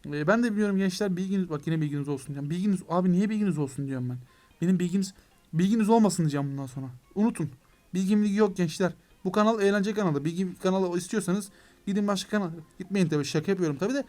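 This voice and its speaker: A young man with a high voice gives quick, excitable commentary while playing a mobile game. He talks straight to his viewers and to the game itself, breaking into mock frustration when things go wrong. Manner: excitable, addresses viewers as "gençler". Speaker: gaming YouTuber.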